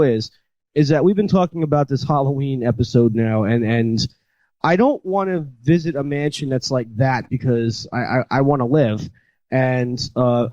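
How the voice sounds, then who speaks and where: A man's voice: mid-range voice, warm tone, no echo, highs cut off. A man hosting a podcast, casually retelling a horror movie with many fillers and restarts. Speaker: podcast host. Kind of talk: casual chat.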